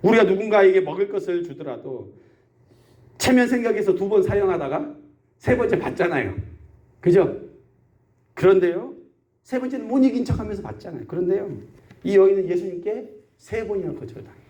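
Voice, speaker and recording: A man's voice: sits high, expressive, a little fast, pauses often, mellow. A man preaching a sermon as pastor of a rural church, often asking the congregation questions. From South Korea.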